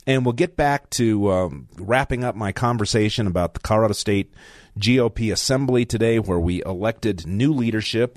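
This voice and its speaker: A man's voice: lowish voice, no room sound, clean studio sound. An older man guest hosting a talk radio show, chatting in a rambling way with asides. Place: radio studio. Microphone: studio mic.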